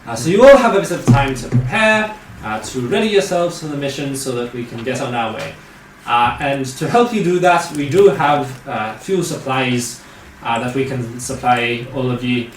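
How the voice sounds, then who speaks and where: A man playing a businesslike male recruiting officer who briefs new recruits, with frequent hesitant "uh" pauses. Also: medium pitch, lightly acted. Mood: briefing. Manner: measured, many "uh" pauses. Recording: roomy, distant mic, faint noise.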